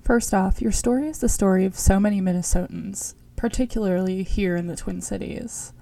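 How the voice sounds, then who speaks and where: A woman producer introducing a segment and asking interview questions in a scripted, measured way. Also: mid-range voice, creaky, mellow, dry recording.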